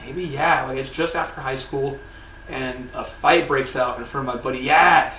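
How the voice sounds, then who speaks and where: A man's voice: mid-range voice, fairly even intonation, normal speed, far from the mic, a little hiss or hum. Swearing rambling man in echoey room. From North Carolina. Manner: rambling, swearing, acts out quotes loudly. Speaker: podcast co-host. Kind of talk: casual storytelling.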